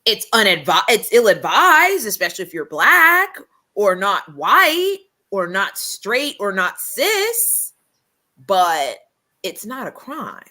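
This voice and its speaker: A woman co-host with a bright, ringing voice talks in blunt, emphatic bursts. Her casual podcast chat has a sarcastic edge, and she hammers her points home. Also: medium pitch, very animated, slow pace.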